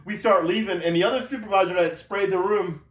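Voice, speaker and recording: A man's voice: high-pitched, fast. A man telling a casual funny story about his workday, chuckling as he goes. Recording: roomy sound, voice far from mic.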